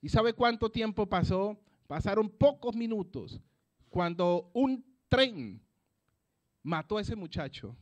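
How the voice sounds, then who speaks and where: At an evangelistic campaign, a preacher with a high-pitched, expressive voice speaks slowly. He stresses and repeats his phrases, alternating loud proclamations with soft asides.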